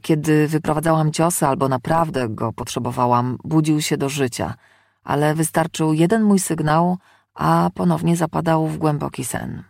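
Woman reading a fantasy audiobook, bit of gravel in her voice, dry close sound. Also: sits low, fairly even intonation, normal speed, a little mellow, no room sound. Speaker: audiobook narrator. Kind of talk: first-person scripted fantasy narration.

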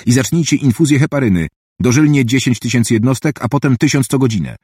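A man's voice: medium pitch, lively intonation, fast talker, a little mellow, slightly rough, no echo, clean studio sound, voice pushed up. A man reading an audiobook, voicing a decisive female trauma surgeon who gives urgent, clipped commands. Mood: commanding.

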